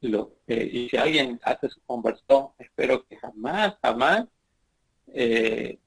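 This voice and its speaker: A man's voice: mid-range voice, expressive, slow, gravelly, slightly rough. A man teaching his congregation in an earnest sermon, repeating phrases and rising into emphatic bursts. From Bolivia.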